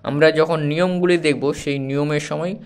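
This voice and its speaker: A man's voice: on the high side, fairly even intonation, brisk, clear, resonant tone. Patient man teaching letter sounds. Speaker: English teacher. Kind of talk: phonics lesson for children.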